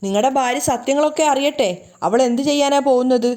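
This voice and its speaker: A woman's voice: high-pitched, fast, a little mellow, lightly acted. A woman voicing a bold, defiant lover. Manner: pushy, challenging.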